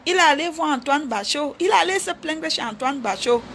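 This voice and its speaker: A middle-aged woman with a Cameroonian accent talks straight to her viewers in an animated, chatty vlog. Her voice sits high, with a gravelly rasp in it. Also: a little fast, slight background noise. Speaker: vlogger. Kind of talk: casual live chat with viewers.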